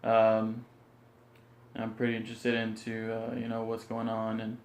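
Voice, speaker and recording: A man's voice: lowish voice, monotone, unhurried, darkish tone. A man hosting a reaction video, subdued and hesitant, with many ums. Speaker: reaction channel host. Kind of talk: casual reaction video intro. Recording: echoey room.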